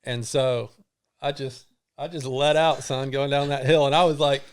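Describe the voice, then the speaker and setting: A middle-aged man, a guest on an interview show, telling a long personal story in a halting way, with many restarts and fillers. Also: medium pitch, fairly even intonation, clean tone. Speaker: guest runner.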